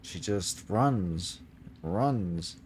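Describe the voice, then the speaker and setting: A man with a low, slow voice commenting casually on his game. He mutters his thoughts aloud over clearly audible game noise. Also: animated, a little mellow. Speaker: gamer.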